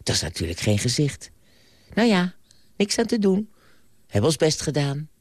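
A man voicing a sweet, dreamy young female teacher, speaking high and tender in a storybook reading. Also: big pitch swings, moderate pace, no echo, studio quality. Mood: resigned.

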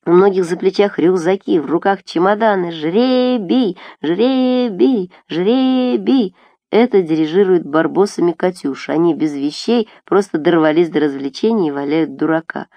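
A woman reading an audiobook in an even, wry first-person storytelling manner. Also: fairly low pitch, brisk, few pauses, no room sound, lo-fi sound. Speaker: audiobook reader. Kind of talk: audiobook narration.

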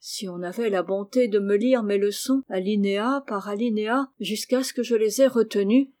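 A woman's voice: mid-range voice, normal speed, warm tone, close to an everyday voice. A woman voicing Mac, a frustrated, sulky teenage boy confined by his sick eyes, in a storybook reading. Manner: sullen, complaining.

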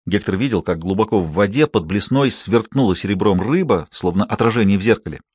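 A man narrating an audiobook in a steady, even reading voice. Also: on the low side, a little fast, husky, no echo. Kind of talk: scripted narration.

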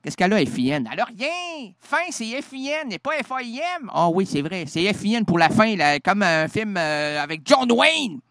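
A man's voice: high-pitched, very animated, moderate pace, hardly any pauses, fairly bright tone, no room sound, clean studio sound. A man, bantering through an improvised comedy bit, playful and theatrical. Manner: playful, jumps between silly voices and mock-preachy outbursts.

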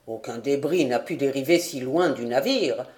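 A man's voice: mid-range voice, normal speed, voice pushed down, natural voice. A woman reading aloud, voicing a composed male nobleman who answers tersely. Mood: calm. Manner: calm, terse replies. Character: noble Scottish lord, composed leader.

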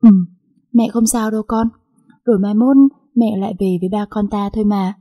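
A woman voicing a gentle, hardworking poor father who speaks tenderly and reassuringly to his daughter in a storybook reading. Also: medium pitch, steady tone, moderate pace, lightly acted.

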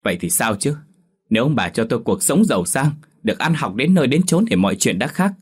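A desperate, whiny young woman in debt begs and cries in a storybook drama, as a deep-voiced male narrator puts her on. Her voice stays husky and breathy, raised above the narrator's low register. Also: animated, normal speed. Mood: shrill angry. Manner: pleading, tearful.

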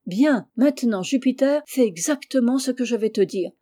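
A woman voicing an excitable eccentric man. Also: a little high, normal speed. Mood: urgent. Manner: urgent, commanding questions. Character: excitable eccentric man, obsessed treasure seeker.

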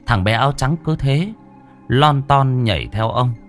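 A man telling a horror story in vivid, expressive narration. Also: medium pitch, measured pace. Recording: narration over faint music.

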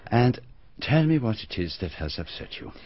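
An actor playing Hercule Poirot, a courteous Belgian detective with a French accent who speaks in a formal, precise way in a radio drama. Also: male voice, mid-range voice, very animated, moderate pace, dry recording. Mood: calm, courteous. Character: fussy, courteous male Belgian detective, middle-aged. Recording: dull archive radio recording.

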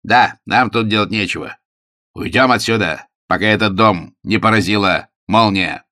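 A man's voice: lowish voice, normal speed, dry recording, clean studio sound. A man doing a brash commanding aristocrat. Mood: grandly threatening. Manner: loud commanding theatrical.

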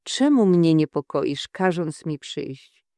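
A speaker voicing the stern old prophet Samuel, read slowly and gravely in a dry, measured Bible-reading voice. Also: medium pitch, sing-song, mellow, dry recording. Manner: slow, measured scripture reading. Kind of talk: Bible reading within a teaching.

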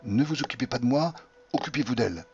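Man doing a calm, persuasive old-time doctor. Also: on the high side, normal speed, dull audio. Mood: hushed. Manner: patient, explanatory lecturing. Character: earnest male doctor, calmly convincing.

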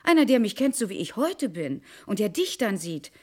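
An actress in a radio play, playing a sharp-tongued wife who answers her husband with sarcasm and defiance. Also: mid-range voice, very animated. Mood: cutting. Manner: sarcastic, quick retorts.

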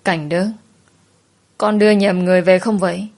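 A haughty old matriarch, read by a woman, looks down on everyone and scolds. Her voice sits a little low. It is a story read aloud. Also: a little fast, close to an everyday voice. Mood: scornful. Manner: scolding, sharp outbursts. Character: stern imperious old grandmother, scornful.

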